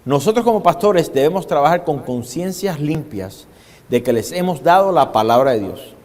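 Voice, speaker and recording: A man preaching a sermon as a pastor, dramatic, shifting his pace and loudness and putting questions to his congregation. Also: fairly high pitch. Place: church hall with congregation. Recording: long hall reverb.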